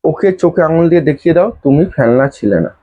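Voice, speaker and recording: A man giving earnest spiritual advice straight to his viewers, explaining a ritual step by step and slowly chanting a mantra. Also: a little high, husky, narrow, tinny audio. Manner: earnest, instructive, addresses viewers intimately. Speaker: astrology and spell advisor. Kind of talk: direct-address advice video.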